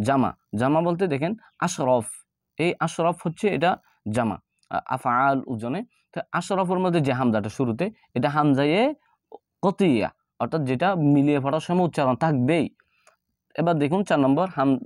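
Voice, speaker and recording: A man's voice: mid-range voice, no room sound, clean studio sound. Man patiently teaching grammar. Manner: explains step by step, repeats points, frequent "uh" hesitations. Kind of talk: classroom-style grammar lesson.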